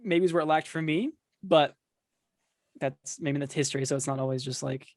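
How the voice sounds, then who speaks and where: A young man talks through a film review on a casual podcast. His voice sits slightly high, and he hesitates and restarts his lines. The sound is dry and close to the mic. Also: moderate pace, no echo. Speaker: podcast co-host. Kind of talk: casual chat.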